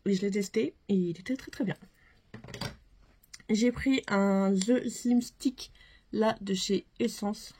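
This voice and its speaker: A woman's voice: mid-range voice, slow pace, pauses often, mellow, husky. A young woman chatting casually through a makeup haul, chatty and full of fillers. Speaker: beauty vlogger.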